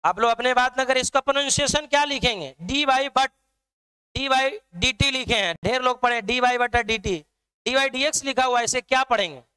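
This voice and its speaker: Online math teacher, male, very high pitch, clear voice, quizzes viewers over and over. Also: fairly quick, bright, forceful tone. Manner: drills students with repeated questions.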